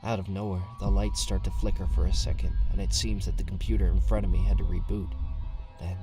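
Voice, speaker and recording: An actor playing a nervous young male survivor, narrating an audio drama in the first person with tense, hushed storytelling. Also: low-pitched, level tone, fairly quick, over music, natural voice. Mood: uneasy.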